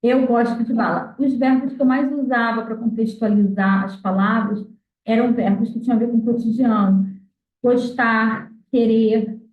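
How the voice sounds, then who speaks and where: A Brazilian woman with a slightly high voice walks through her reading method patiently, pausing on fillers as she explains. She sounds far from the mic, in an echoey room, through thin phone-like audio. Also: fairly even intonation. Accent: Brazilian Portuguese. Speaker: mother teaching her child to read. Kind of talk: explanatory talk on literacy.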